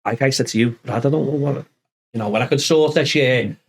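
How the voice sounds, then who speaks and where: A man's voice: mid-range voice, fairly quick. A man with a northern English accent chatting casually as a podcast host, in a rambling, matey, sweary way. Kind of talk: casual chat, telling anecdotes.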